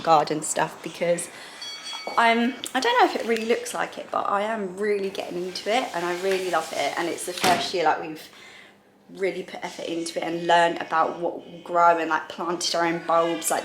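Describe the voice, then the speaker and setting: A woman's voice: fairly low pitch, moderate pace, background noise. A young woman in casual vlog chat, rambling with lots of fillers, filmed at home on a handheld camera. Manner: chatty, rambling, many fillers. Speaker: lifestyle vlogger. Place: indoors at home.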